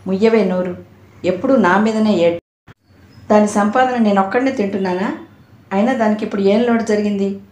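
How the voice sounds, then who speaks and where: A woman's voice: mid-range voice, brisk, long pauses, a little mellow, close to an everyday voice. A woman voicing a grumbling, self-serving middle-aged father who snaps at his wife, recorded in an echoey room. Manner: grumbling, scolding.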